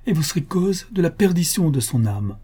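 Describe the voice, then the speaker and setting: A man's voice: on the high side, sing-song, normal speed, warm tone, slightly rough, pitched above the performer's own voice. A man voicing a meddling, tearful older mother-in-law who pleads and insists, in a raised voice.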